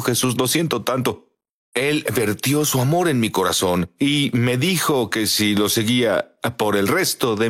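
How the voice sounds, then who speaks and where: A man's voice: medium pitch, a bit bright. A middle-aged man telling his story in earnest as a guest on an interview show. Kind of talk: dubbed testimony interview.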